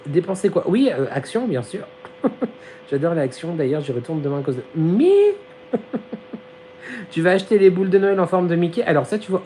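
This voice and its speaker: A man's voice: a little high, warm tone, slight background noise, low-quality recording. A man hosting a live stream, chatting casually with his viewers in a giggly, slangy way while his voice is going. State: losing his voice. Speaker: live-stream host reading chat. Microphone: phone. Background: fan humming behind the phone.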